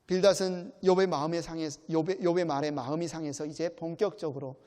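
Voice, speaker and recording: A man's voice: a little high, fairly even intonation, a little fast, warm tone. A male pastor preaching a sermon in a church, earnest and addressing the congregation directly with questions. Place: church sanctuary. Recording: long church hall reverb.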